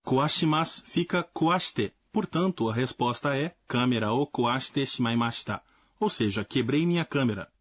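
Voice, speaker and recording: Guy reading out a language lesson, clear explaining tone, bit husky, dry studio sound. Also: mid-range voice, lively intonation, normal speed, fairly bright tone, no room sound. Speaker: language teacher. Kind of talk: scripted lesson narration.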